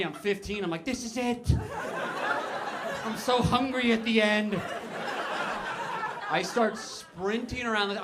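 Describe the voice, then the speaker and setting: A man's voice: medium pitch, very noisy. A man performing a self-deprecating stand-up comedy set, telling stories and acting out other people's lines. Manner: self-deprecating storytelling with acted-out quotes. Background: audience laughter.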